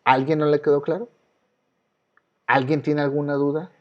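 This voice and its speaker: A man's voice: on the high side, flat delivery, moderate pace, dull audio. Patient male teacher with a Mexican accent. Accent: Mexican Spanish. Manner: patient, explains step by step, asks students questions. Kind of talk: online class lesson. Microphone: video call.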